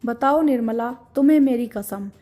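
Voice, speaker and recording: A woman's voice: a little high, moderate pace, mellow, faint music behind, natural voice. A woman voicing a stern, caring middle-aged husband who scolds with indignation. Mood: concerned.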